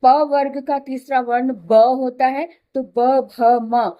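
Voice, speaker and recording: A woman's voice: high-pitched, fairly even intonation, slow, highs cut off. A woman teaching a Hindi grammar lesson, patiently repeating letters and examples one by one. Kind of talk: slow explanatory lesson.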